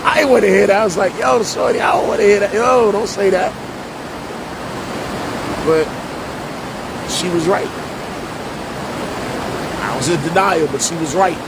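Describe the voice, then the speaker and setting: A man's voice: a little slow, vocal fry, pauses often. A middle-aged man from Jersey City, telling his life story in a casual vlog monologue, full of street slang and repetition. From Jersey City, New Jersey. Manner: streetwise slang, repeats himself for emphasis. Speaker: vlogger and preacher. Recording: loud rumbling noise behind voice.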